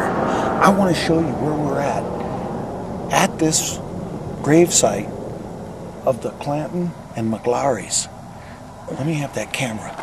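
A middle-aged man talks casually to camera as host of a paranormal investigation. His voice sits at a middle pitch, and the camera mic catches plenty of outdoor noise around him. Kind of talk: casual on-location explanation to camera. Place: outdoors at night in town. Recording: noisy outdoor camcorder audio, traffic ambience.

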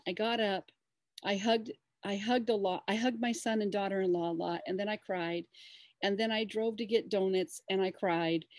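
A woman's voice: medium pitch, darkish tone, dry recording. A middle-aged woman co-hosting a casual chat, telling a rambling, emotional story with many restarts. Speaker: co-host.

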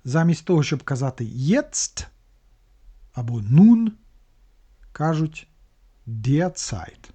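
Male language teacher, patient step-by-step explainer, warm dark tone. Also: fairly high pitch, very animated, slow pace, long pauses, slightly rough. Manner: patient, explains word by word with restarts. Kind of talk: explaining German grammar in a lesson.

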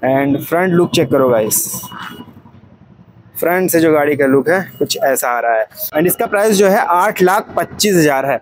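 A man's voice: on the high side, animated, normal speed, a little hiss or hum. A young man vlogging casually from an outdoor used car lot, chatty and friendly, calling the viewer brother and mixing English words into his talk. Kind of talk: casual walkaround commentary.

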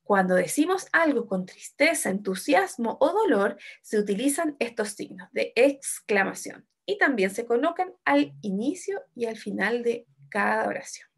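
A woman teaching an online class to young children. Her fairly high voice swoops up and down as she acts out example sentences with feeling. Her tone has a gravelly, husky edge. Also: very animated, normal speed, few pauses. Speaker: primary school teacher.

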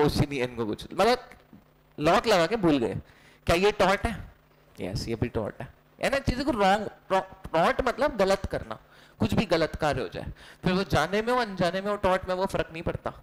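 A man's voice: a little high, rough recording. A male teacher giving an online exam-coaching lecture, joking and quizzing his students with call-and-response while mixing Hindi and English. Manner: mixes Hindi with English phrases. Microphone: online class recording.

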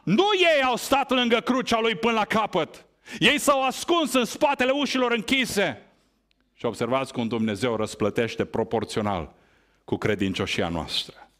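A man preaching a sermon, asking rhetorical questions and stressing his points with big rises and falls in pitch. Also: a bit bright. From Romania. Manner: emphatic, rhetorical questions, wide swings in pitch.

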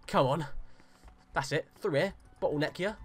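A young man giving jokey, excitable let's play commentary, pleading with and yelling at the game. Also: fairly high pitch, normal speed, soft background music. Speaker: gamer.

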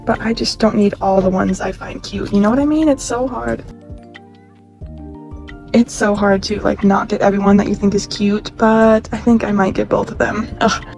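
A woman in her twenties talking casually and excitedly to a phone camera while shopping in stores. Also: mid-range voice, normal speed, gravelly, faint music behind. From California. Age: 20s. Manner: gushing, excitable, chatty. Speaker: vlogger. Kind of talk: casual shopping vlog narration. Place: in stores with background music, holding a phone.

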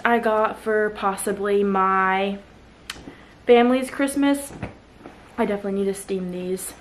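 A woman's voice: mid-range voice, slight background noise, low-quality recording. A woman vlogging casually from a guest bedroom at home, chatty and full of filler words, with a sore throat and a cough drop in her mouth. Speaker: lifestyle vlogger. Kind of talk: casual chat.

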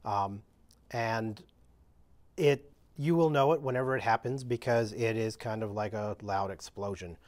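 A man's voice: lowish voice, a little slow. A man giving an unscripted how-to demonstration of equipment maintenance in a workshop, talking plainly with many fillers and restarts. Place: indoor workshop with benches.

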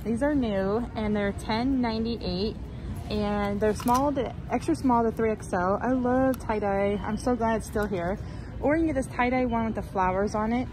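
Filming clothes on a handheld phone inside a large retail store, a female shopping vlogger narrates a casual shop-with-me video. Her fairly high voice moves at a normal speed, upbeat and chatty with plenty of fillers, over a noisy background.

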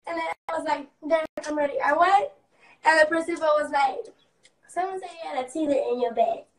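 Young woman on a livestream, high voice, brash and swearing a lot, kinda far from the phone mic. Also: a little fast. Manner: brash, profane, animated storytelling. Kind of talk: casual storytelling.

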